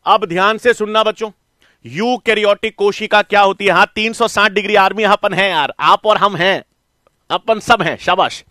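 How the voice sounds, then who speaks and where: Bright and forceful, this middle-aged man's high voice carries an online biology class in studio quality with no room sound. He coaxes learners he calls "beta" and "bachche," and tends to answer the very questions he asks.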